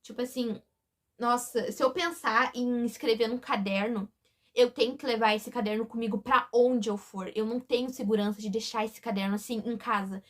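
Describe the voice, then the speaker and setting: High-voiced woman confiding in a vlog. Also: fairly even intonation, moderate pace. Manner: hesitant, emotional, confiding, with restarts. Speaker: vlogger. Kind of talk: confessional vlog.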